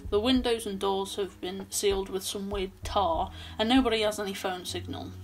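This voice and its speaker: A woman's voice: mid-range voice, steady tone, moderate pace. A young woman recapping a horror film in a casual, chatty way with sarcastic asides, filmed in a small bedroom at her desk. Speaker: film reviewer.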